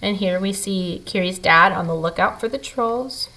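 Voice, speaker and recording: Reading a children's picture book aloud, a woman uses a mid-range voice and a moderate pace. Her storyteller style is full of dramatic, expressive emphasis for young listeners, captured in a low-quality recording.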